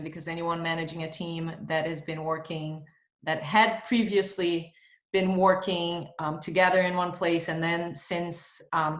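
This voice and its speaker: Calling in from home in Spain, a Brazilian woman in her thirties who works as a marketing executive answers interview questions thoughtfully, using lots of fillers. Her voice sits on the low side with a fairly bright tone, and the room is reverberant.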